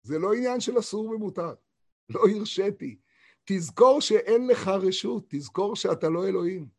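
A man with a high, somewhat husky voice gives a Torah lesson. He reads the verses slowly and talks with emphasis, stopping to ask his listeners rhetorical questions. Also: lively intonation, darkish tone. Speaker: Torah teacher.

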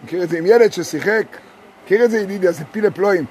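A high-voiced male rabbi teaches a small group inside a sukkah. He moves between storytelling and slow chanting of verses, and he keeps asking his listeners questions. Faint noise sits behind him. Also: darkish tone.

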